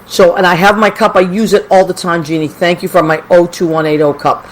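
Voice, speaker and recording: A woman's voice: fairly low pitch, fairly even intonation, a little fast, low-quality recording. An American woman casually hosting a livestream call-in show, chatty and effusive, speaking affectionately with plenty of endearments. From Massachusetts, United States.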